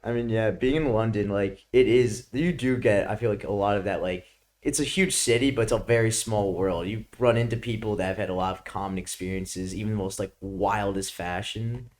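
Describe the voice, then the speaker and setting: A man's voice: lowish voice, fairly quick, a little mellow. A young man with a New York accent, a student guest chatting casually and leaning on "like" a lot. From Brooklyn, New York. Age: young adult. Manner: laid-back, peppers speech with "like", laughs often. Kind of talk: casual chat.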